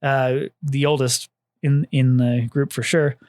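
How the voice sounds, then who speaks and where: A man's voice: medium pitch, level tone, a little slow, a little mellow, dry recording. A man casually telling history on a podcast, rambling with fillers and swearing freely. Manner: loose and chatty, lots of fillers, swears freely. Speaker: podcast co-host presenting history.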